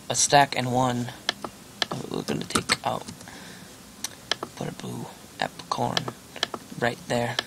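A man's voice: mid-range voice, creaky. Young guy doing game commentary, rambly and self-deprecating, lots of ums, noisy mic with typing in the background. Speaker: gaming channel host. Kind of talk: casual gameplay commentary. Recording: noisy home recording with keyboard clicks. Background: keyboard clicks and typing.

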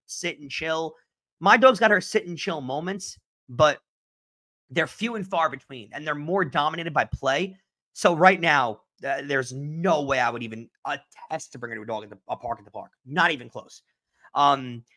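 A young man hosting a solo sports podcast, answering listener questions in an animated, emphatic way and repeating his points. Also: a little high. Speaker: podcast host.

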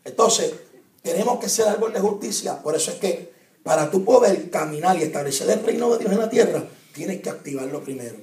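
Evangelist, male, emphatic sermon delivery with a somewhat high voice, caught from a distance in an echoey hall. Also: expressive, a little fast, a little mellow. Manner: emphatic preaching with rhetorical questions to the audience. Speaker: evangelist preacher. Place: church hall at a youth conference. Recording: roomy, distant church hall recording.

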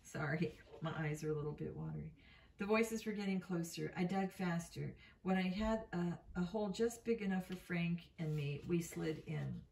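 A woman's voice: on the low side, moderate pace, gravelly, a little mellow, a little hiss or hum. A woman reading a novel aloud in an unpolished way, with slips and self-corrections. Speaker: reader. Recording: roomy, mic at a distance.

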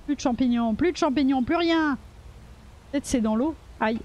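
A woman's voice: sits high, moderate pace, darkish tone, dull audio. A woman streamer giving casual, playful commentary while playing a video game, swearing freely and talking back to the characters. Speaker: gaming streamer. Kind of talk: casual let's-play commentary.

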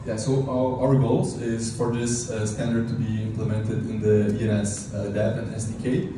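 A man's voice: on the low side, level tone, normal speed. Echoey distant man giving a technical talk. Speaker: conference speaker. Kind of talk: informal technical lightning talk. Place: medium conference room, indoors. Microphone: handheld mic through PA, picked up by a distant camera. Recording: roomy, distant, noisy room recording.

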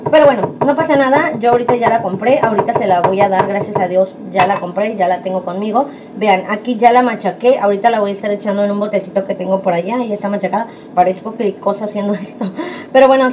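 A woman, chatting casually to viewers in a home vlog. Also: medium pitch. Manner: chatty, addresses viewers as friends. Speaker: vlogger. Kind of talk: casual vlog talk to camera. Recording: dull lo-fi sound with clear background noise.

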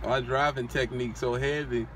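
A young man vlogging from a parked car in a relaxed, bragging tone, full of slang and cursing. He is picked up by a phone camera on the dashboard. Clear outdoor traffic noise runs underneath his voice. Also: medium pitch, moderate pace. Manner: boastful, laid-back, slangy and profane. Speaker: vlogger, aspiring trucker. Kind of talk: casual chat.

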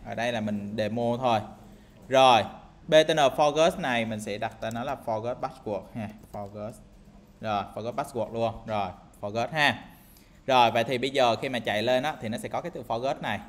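A man's voice: medium pitch, a little fast. Casual man teaching coding. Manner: casual, thinking aloud with many fillers and tag questions. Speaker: programming instructor. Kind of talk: screen-recorded coding tutorial.

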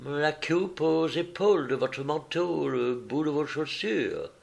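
A man voicing a calm, sharp-eyed detective who speaks in a patient, precise, polite way in an audiobook. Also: fairly high pitch, slow pace, vocal fry, pitched above the performer's own voice, exaggerated voice. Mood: composed.

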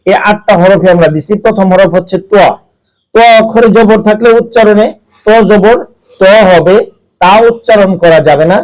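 A man teaching readers how to pronounce letters, drawing out his example words slowly, with frequent "ah" fillers. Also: high-pitched, a little mellow, low-quality recording. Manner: slow, drawn-out demonstration of pronunciations with frequent "ah" fillers. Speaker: Quran reading teacher. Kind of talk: explanatory recitation lesson.

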